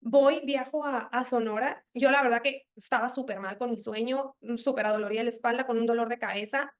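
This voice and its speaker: A young woman giving an earnest, animated personal faith testimony, often quoting her own past words. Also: a little high, fairly quick.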